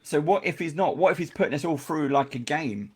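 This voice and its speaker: Higher-pitched lively man, group crosstalk behind. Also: brisk, over a noisy crowd. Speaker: player in a tabletop game. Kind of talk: casual chat.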